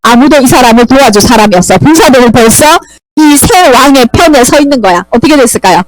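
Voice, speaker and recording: A woman's voice: high voice, animated, quick pace, low-quality recording. A woman teaching Sunday school, animatedly telling a Bible story and quizzing the children.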